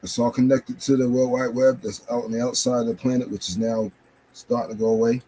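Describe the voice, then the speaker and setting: A man's voice: medium pitch, flat delivery, brisk, dark tone, breathy edge, low-quality recording. A man out of breath, rambling casually in a hot place and talking to a small animal between thoughts. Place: hot spot near outdoors.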